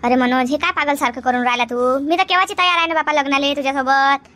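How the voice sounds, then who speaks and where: A woman plays an anxious village woman. Her voice is high and very quick. She pleads and coaxes the others to calm down. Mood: pleading. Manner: pleading, coaxing.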